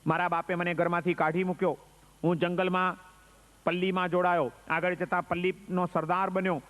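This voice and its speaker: A man playing a furious young outlaw chief who shouts vengefully while grieving his wife, in a sermon story. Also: high-pitched, flat delivery, fairly quick, big-room sound.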